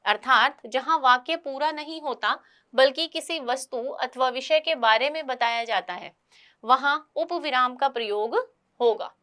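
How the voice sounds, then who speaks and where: A woman with a high voice teaches a grammar lesson to children. She explains patiently and clearly, slowing down to read each example aloud. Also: sharp tone.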